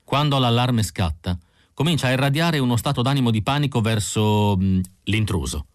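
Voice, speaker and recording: A man's voice: medium pitch, expressive, moderate pace, no echo, clean studio sound, voice pushed up, close to an everyday voice. A man voicing a cold, calculating male android leader who speaks in a clipped, matter-of-fact way.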